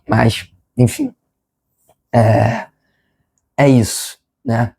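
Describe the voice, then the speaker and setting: A Brazilian man casually hosting a fan vlog, his voice hoarse, congested and nasal with a smoker's rasp, rambling apologetically as he strains past a sore throat. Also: mid-range voice, steady tone, very slow, darkish tone. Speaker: football fan channel host. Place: his room at home.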